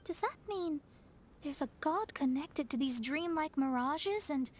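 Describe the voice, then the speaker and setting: A woman's voice: sits high, lively intonation. An actress voicing a bold, outspoken young woman who speaks directly. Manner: direct, brisk.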